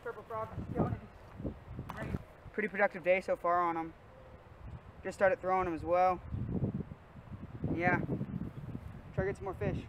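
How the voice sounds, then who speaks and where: A teenage boy vlogs casually about his fishing trip by a pond, offhand and slangy, recorded outdoors on a camera mic. His voice sits high with a steady tone and moderate pace, he pauses often, and the background is noisy.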